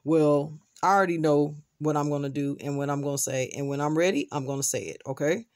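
Woman doing a reverend guy for doll play, slow hedgy talk, lotta "you know", dry close sound. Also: deep voice, steady tone, darkish tone, dry recording, pitched below the performer's own voice. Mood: defensive. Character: male church reverend, evasive suitor.

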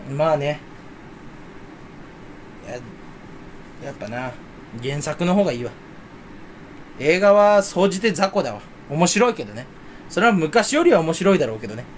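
A young man talks on his own in a rambling, playful way, teasing himself as he goes. His voice sits high and swings widely in pitch. A faint ambient hum runs under the recording. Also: sing-song, normal speed, pauses often. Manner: rambling, playful, self-mocking; mock Kansai dialect in quoted bits. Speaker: streamer. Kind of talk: solo casual chat.

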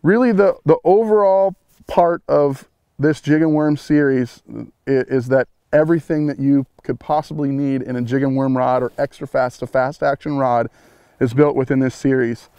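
A man's voice: medium pitch, fairly even intonation, moderate pace, warm tone, clear, resonant tone, no room sound. A middle-aged man, a tackle brand manager, explaining fishing rod features outdoors by a lake in a casual, explanatory way with lots of fillers. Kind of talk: product demonstration.

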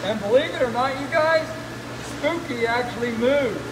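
Casting: middle-aged male aquarium guide, high-pitched, folksy, muffled by a face mask, loud pump-room noise behind. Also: lively intonation, moderate pace. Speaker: aquarium animal keeper and guide. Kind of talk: casual educational live talk. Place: noisy indoor aquarium work room. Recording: noisy pump-filled room with loud hum.

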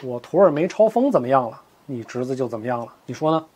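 A man voicing a cold, aloof older male martial master who speaks low and measured. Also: sing-song, darkish tone, breathy edge.

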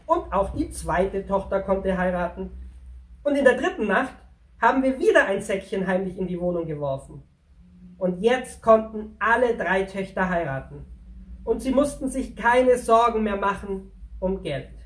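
Speaking straight to the children, a friendly male pack donkey chats away, voiced by a performer in the role of a kids' storyteller. His natural, mid-range voice is animated and moves at a moderate pace, recorded roomy and at a distance from the mic.

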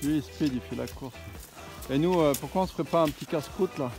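A man's voice: on the high side, fast, over music. A man in his thirties chatting casually and teasing as he films himself skiing through a snowy forest, then driving. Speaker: vlogger. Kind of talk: casual vlog chat. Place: outdoors on a snowy forest ski trail, later in a car.

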